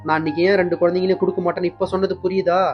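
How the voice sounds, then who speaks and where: A man's voice: high-pitched, flat delivery, very fast, dull audio, soft background music, pitched above the performer's own voice, close to an everyday voice. A man voicing a distraught young mother in a soap recap, tearfully pleading to keep her children. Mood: insistent.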